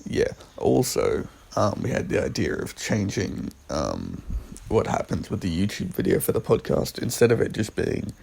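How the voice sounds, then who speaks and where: A young man co-hosts a laid-back podcast, his husky voice rising and falling a lot as he rambles through ideas with plenty of "like" and "um". His tone carries a gravelly edge. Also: fairly low pitch, wildly swooping pitch, normal speed, a little mellow. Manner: rambling, full of "like" and "um". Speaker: podcast co-host. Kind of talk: casual podcast chat.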